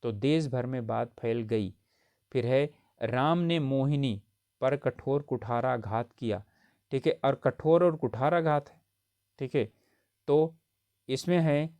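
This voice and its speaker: A man's voice: mid-range voice, warm tone, smooth, no echo, clean studio sound. A man teaching a grammar lesson for exam preparation, explaining each correction patiently and often checking in with his students. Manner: explanatory, repeats points with frequent "theek hai" checks.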